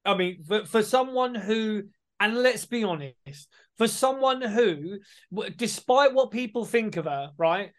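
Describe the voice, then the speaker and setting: A man's voice: sits high, expressive, a little slow. A man co-hosting a casual chat, talking in a hesitant, rambling way and swearing casually. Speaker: podcast co-host.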